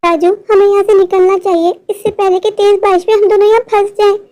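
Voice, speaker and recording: A worried little cartoon girl, voiced by a woman, pleading and fretful all the time. Her voice sits very high, as young as a small child's. She sounds cautious and anxious about everything. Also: flat delivery, quick pace, a little mellow. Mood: frightened. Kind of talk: animated cartoon voice acting.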